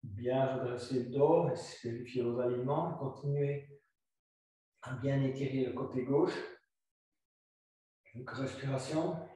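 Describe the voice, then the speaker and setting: Slow, repeated cues come from a calm, medium-pitched man teaching a yoga flow class. His instructive voice is distant from the mic and bounces around a very reverberant room.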